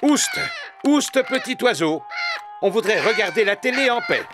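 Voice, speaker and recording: A man playing a jovial, bumbling father pig with an easygoing, expressive manner in a preschool cartoon dub. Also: high voice, normal speed, loud music behind the voice. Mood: exasperated. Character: jovial, bumbling daddy pig, always hungry.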